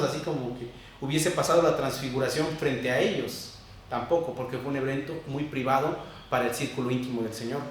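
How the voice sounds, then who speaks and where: A man preaching an expository sermon, teaching carefully and repeating key words slowly. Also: on the high side, slight background noise. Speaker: pastor. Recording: very echoey church room, distant mic.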